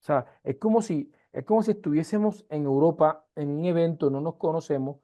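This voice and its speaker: A university lecturer with the accent of Colombia's Caribbean coast, where he comes from, runs an online class on a video call, pressing his points emphatically through rhetorical questions. His fairly high voice moves fairly quickly and sounds mellow.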